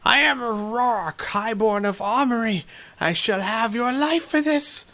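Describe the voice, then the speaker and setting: A man voicing an arrogant, violent young lordling in a storybook, haughty, shrill and bellowing. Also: slow pace, sharp tone, heavily acted. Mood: shrieking fury. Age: young adult. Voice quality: shrill, raised. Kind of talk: storybook character read aloud.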